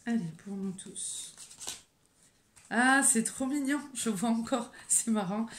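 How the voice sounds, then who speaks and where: A woman working as a medium, giving a live oracle card reading, speaking haltingly with many restarts and gently encouraging her viewers. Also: on the high side, slight background noise. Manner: hesitant, halting, with frequent fillers and restarts. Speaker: medium and spiritual guide.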